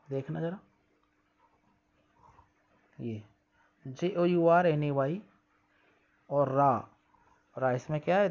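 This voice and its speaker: Teacher, very slow and animated, drilling pronunciation, dull lo-fi sound. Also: mid-range voice. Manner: reads English slowly, then explains and drills pronunciation; asks pupils questions and answers them itself. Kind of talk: bilingual English lesson explaining a textbook.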